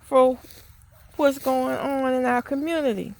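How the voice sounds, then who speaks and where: A woman delivers a slow, earnest outdoor monologue, her voice sitting a little high. She sounds preachy and exasperated and often restarts her sentences. She is recorded outside in a rural yard. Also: steady tone. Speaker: vlogger. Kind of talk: spoken outdoor vlog monologue.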